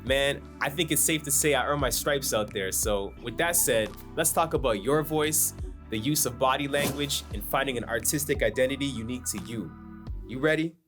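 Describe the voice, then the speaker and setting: A man's voice: mid-range voice, moderate pace, music in the background. A man who is a hip-hop artist, teaching a performance masterclass in a laid-back, slangy way. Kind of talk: instructional masterclass talk.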